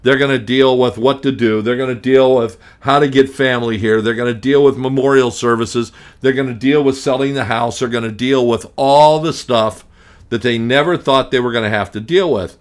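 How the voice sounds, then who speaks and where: A man's voice: medium pitch, steady tone, normal speed. Blunt, grumpy middle-aged male radio host. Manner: emphatic, ranting, hammering repetition; frequent restarts, blunt and grumpy. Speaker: estate planning attorney. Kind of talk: radio talk monologue.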